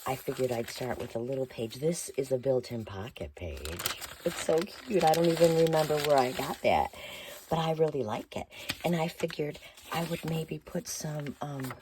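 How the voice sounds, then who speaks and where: Noisy clicky recording, woman, low pitch, sick and hoarse, squeaky cracks, whispery breaks, casual rambling craft vlog. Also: expressive, moderate pace. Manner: rambling, thinking aloud while working. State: hoarse, squeaky voice from a feverish illness. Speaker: craft vlogger. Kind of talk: casual chatty craft tutorial.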